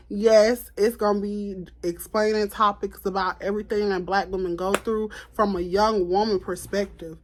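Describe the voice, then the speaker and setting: A woman in her twenties from Florida, chatting casually to camera as a podcast host, animated and repeating herself with laughs. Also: medium pitch. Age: 20s. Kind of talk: casual vlog chat to camera.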